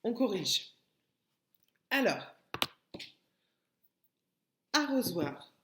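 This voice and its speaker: There's background noise and a roomy sound as this kindergarten teacher speaks in a medium-pitched, sing-song voice, drawing her words out. With a French accent, she patiently repeats words for young children in a recorded remote lesson and splits them into syllables.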